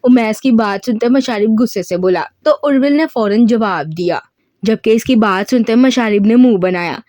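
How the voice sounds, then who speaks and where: A woman narrates a romantic novel, shifting her tone to act out each character's lines. Her voice sits fairly high. It comes through a close mic in a dry space with no room echo. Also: normal speed. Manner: expressive reading, lifts voice for quoted speech. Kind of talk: scripted narration with dialogue read in character.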